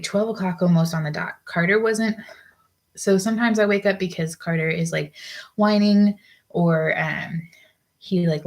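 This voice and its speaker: A woman's voice: lowish voice, poor audio. A young woman chatting casually as she works on a sewing project, rambling with lots of fillers and out of breath. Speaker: sewing vlogger. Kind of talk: casual work-along chat.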